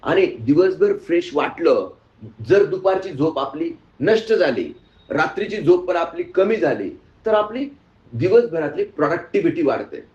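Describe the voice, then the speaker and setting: A male spiritual teacher delivers a lively sermon with storytelling and often quizzes his listeners. His voice sits slightly high, and the sound rings in a roomy space with a dull, muffled tone. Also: a little slow. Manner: animated storyteller, asks the audience questions. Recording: echoey room, muffled sound.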